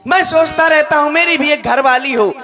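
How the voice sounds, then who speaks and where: A man doing a loud comic stage monologue at a village folk play, playing a lovelorn bachelor for laughs. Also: extremely high pitch, normal speed, loud music behind the voice. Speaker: stage comedian.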